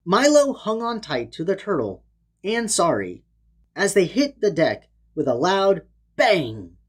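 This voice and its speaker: Husky and fairly low in pitch, a woman's voice takes on a sing-song quality as she reads a children's storybook aloud a little slowly. Her narration is dramatic and theatrical.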